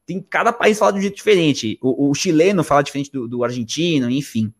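Animated man chatting. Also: quick pace. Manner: animated, mimics accents with big pitch jumps. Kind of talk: casual chat.

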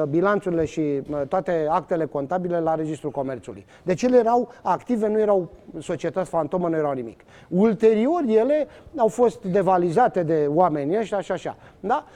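A man, speaking as an interview guest, telling his story emphatically with many fillers and restarts. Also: high voice. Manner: animated, many fillers and restarts, acts out quoted exchanges.

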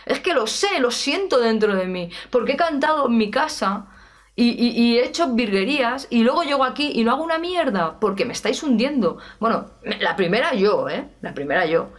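A woman's voice: on the high side, lively intonation, a little fast. A woman with a Spanish accent from Spain, a rock singer talking casually and candidly to her audience, emphatic, swearing freely and restarting her sentences. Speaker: rock singer and vocal coach. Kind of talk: casual personal storytelling to camera.

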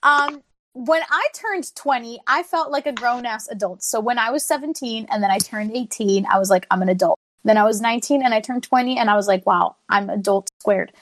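Young woman, playful and jokey, a touch higher pitch than her friends. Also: fairly quick, dry recording. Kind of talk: casual chat.

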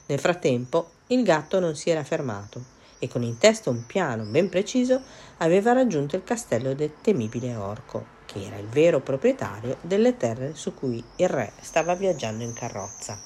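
A woman reads a children's fairy tale aloud with a notably low voice. Her storytelling is expressive and measured, shaping each scene with care. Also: a little hiss or hum. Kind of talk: storybook narration.

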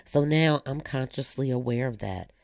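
A woman's voice: rumbling low, normal speed, creaky, no echo, clean studio sound. A woman in her fifties giving a candid, earnest monologue as she reflects on her family and faith. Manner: talkative, earnest and personal. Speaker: blogger sharing personal reflections.

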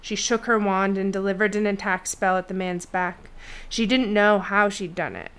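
Woman reading a story aloud, smooth clear voice, steady pace, medium pitch. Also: normal speed. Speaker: audiobook narrator. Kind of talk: scripted fiction narration.

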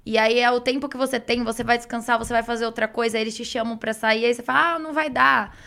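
A woman's voice: a little high, fairly even intonation, fast talker, gravelly, pushed and bright. A young woman with a Brazilian Portuguese accent, chatting informally as a guest who streams games. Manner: informal, conversational. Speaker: guest, live game streamer. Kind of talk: casual chat.

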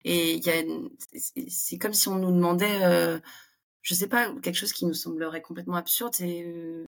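A young Frenchwoman talking as a guest in a relaxed interview, chatty and full of fillers. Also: lowish voice, normal speed. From France. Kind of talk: casual interview conversation.

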